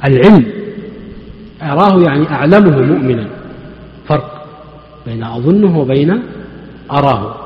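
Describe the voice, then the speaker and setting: A man's voice: medium pitch, lively intonation, brisk, long pauses. A man who teaches a mosque lesson on hadith. He explains points step by step and poses questions to his students before answering them himself. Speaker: Islamic scholar teaching hadith. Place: large mosque hall. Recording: echoey mosque hall, dull lo-fi recording.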